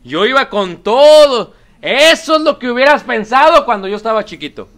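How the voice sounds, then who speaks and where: A man's voice: extremely high pitch, animated, moderate pace, a bit bright. A man preaching a sermon, emphatic and repetitive, often calling the congregation "brothers". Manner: emphatic, repeats lines, addresses congregation as brothers.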